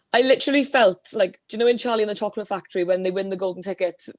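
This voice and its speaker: Speaking quickly and steadily in a mid-range voice, a DJ from the Welsh Valleys, still in her twenties, tells casual stories during a video-call interview. The recording from her small home room is dry.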